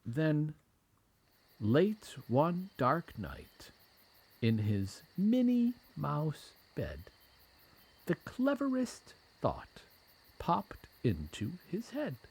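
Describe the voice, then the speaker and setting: A man narrating a children's bedtime story expressively, with dramatic, drawn-out phrasing. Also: on the high side, wildly swooping pitch, darkish tone, slightly rough. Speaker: parent reading a bedtime story. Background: music and added sound effects.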